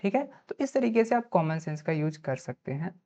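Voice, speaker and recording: Brisk and very animated, this woman speaks in a low, warm voice with a Bihari Hindi accent while running an online grammar lesson. She spells out words one letter at a time and answers the questions she asks. Sound quality is dull and lo-fi.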